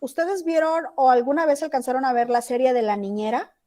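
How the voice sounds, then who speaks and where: A woman's voice: sits high, fairly even intonation, a little fast, dark tone. A woman teacher with a Mexican accent giving an online class on a video call, chatty and often checking that the students are following. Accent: Mexican Spanish. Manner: chatty, asks checking questions.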